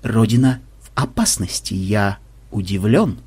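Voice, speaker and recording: A sardonic hacker, voiced by a man reading the story drawls in a low, deadpan tone. He addresses his team like a weary officer at a meeting. The voice is slightly husky. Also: measured pace, exaggerated voice. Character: dry, sardonic male hacker, addresses everyone as comrades.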